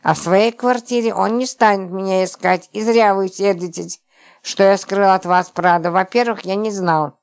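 A woman reading the part of an exasperated, sarcastic man who hides out in a stranger's flat, prone to angry outbursts. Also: medium pitch, moderate pace, lightly acted. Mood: explaining. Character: exasperated sarcastic man, a company boss hiding out.

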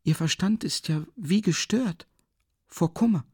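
A man's voice: fairly high pitch, expressive, normal speed, a little mellow, dry recording, studio quality, voice pushed up, full character voice. A man voicing a timid, anguished young woman. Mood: pleading, distraught. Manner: breathy, rising, pleading.

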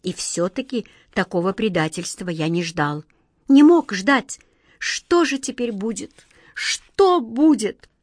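A woman's voice: medium pitch, animated, unhurried, a little mellow, no echo, clean studio sound. A woman playing a despairing young wizard. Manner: anguished, crying out. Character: despairing young male wizard, kind-hearted.

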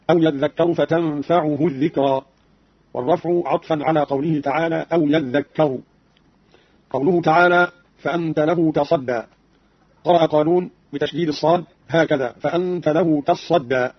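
A man giving a formal scripted explanation of Quranic reading variants in a deliberate classical delivery, on an old radio archive recording. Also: a little high, slightly rough, dry recording, highs cut off.

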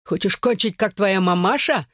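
A man voicing a drunk, violent father who growls his words slowly and heavily. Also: on the high side, dry recording, clean studio sound, close to an everyday voice. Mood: furious drunk. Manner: slow, heavy, snarling delivery.

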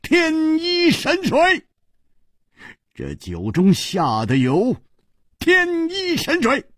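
A man's voice: very high voice, huge pitch swings, drawn-out words, fairly bright tone, dry recording, studio quality, pitched above the performer's own voice, full character voice. A man voicing a bold young male hero who exclaims and presses questions urgently.

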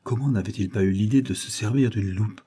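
Sex: man. Role: audiobook narrator. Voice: low, dark and husky. Style: measured literary narration.

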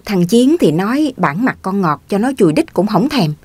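A woman reading a story aloud as an audiobook narrator, in an even, plain way. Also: medium pitch, normal speed, breathy edge, no echo.

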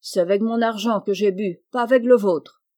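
A woman's voice: mid-range voice, normal speed, mellow, close to an everyday voice. A woman reading the part of a sullen peasant soldier orderly who whines that he is blamed unjustly. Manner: whining, sullen protests of innocence. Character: sulky peasant soldier orderly, male, adult.

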